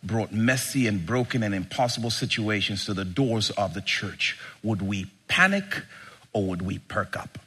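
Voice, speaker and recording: A man's voice: on the low side, animated, normal speed, bright, forceful tone, slightly rough. A man preaching an impassioned sermon in the style of a rally speech, with emphatic rhetorical questions and dramatic swings between restraint and full force.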